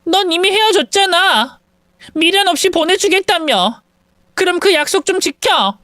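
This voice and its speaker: A spiteful young mistress, as a woman narrator puts her on, sharp and scornful, her voice pitched up high and swinging wildly. The recording is clean and dry in this audio story. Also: animated, a little slow, dry recording, heavily acted. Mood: pleading.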